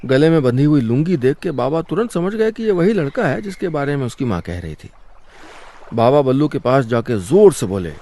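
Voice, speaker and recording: A man narrating a scripted story on his radio show, in a lively and expressive way. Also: medium pitch, moderate pace. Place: radio studio.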